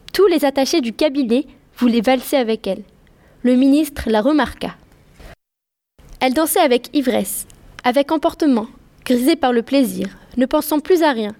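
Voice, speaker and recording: High, mellow-voiced woman narrating a story. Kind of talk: scripted narration.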